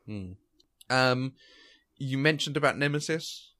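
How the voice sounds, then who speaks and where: Here the podcast co-host talks slowly in a mid-range voice. The casual chat finds him spinning lively stories with plenty of fillers and false starts.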